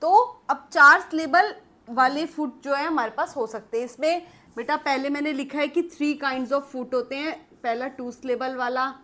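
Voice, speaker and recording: A young woman teaching English literature in a patient classroom-style lecture, slowly reading English definitions and explaining them. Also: sits high, bright, forceful tone. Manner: explains patiently, calls students "beta", slow English read-outs.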